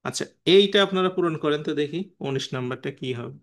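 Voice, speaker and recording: A man's voice: a little high, quick pace, a bit bright. A man with a slightly raised voice, teaching an online class. He explains patiently and often puts questions to his students by name. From Bangladesh.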